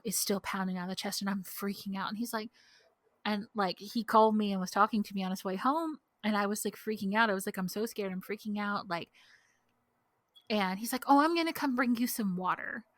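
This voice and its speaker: Young woman, casual podcast storyteller, animated, very dry close sound. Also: medium pitch, no echo. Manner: animated, heavy use of "like", acts out quotes. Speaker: podcast co-host. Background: dog barking outside.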